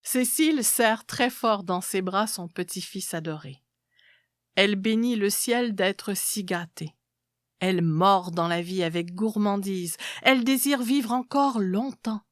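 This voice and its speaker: Woman, story narrator, scripted literary reading, mid-range pitch, dry recording. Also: a little slow, no room sound.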